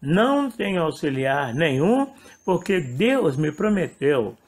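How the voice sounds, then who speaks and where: A man, a pastor with a Brazilian Portuguese accent, telling a personal testimony in a rambling way and correcting himself as he goes. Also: slow. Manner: rambling, self-correcting storytelling with lively pitch swings. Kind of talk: testimony sermon.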